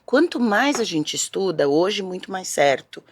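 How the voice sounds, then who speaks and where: A woman's voice: medium pitch, sing-song, measured pace. A woman speech therapist from Brazil, explaining as an interview guest in a didactic, step-by-step way.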